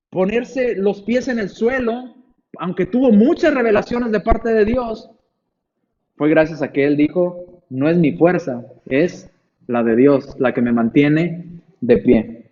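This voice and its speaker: A high-pitched male preacher in his forties delivers an expressive sermon, his voice rising and falling as he acts out little scenes. The recording from the church sounds dull and lo-fi. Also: slight background noise. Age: 40s.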